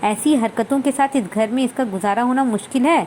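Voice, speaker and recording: A woman voicing a sharp-tongued, stern middle-aged mother-in-law who scolds her daughter-in-law. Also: fairly high pitch, a little fast, slight background noise, close to an everyday voice. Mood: scolding.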